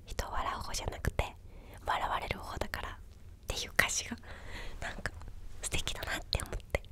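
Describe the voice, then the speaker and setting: A young woman chatting casually in a soft, breathy ASMR whisper, close to a desktop microphone in a small room. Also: a little fast. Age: young adult. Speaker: ASMR video creator. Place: small quiet indoor room with a bed or sofa. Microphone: desktop condenser microphone, close up.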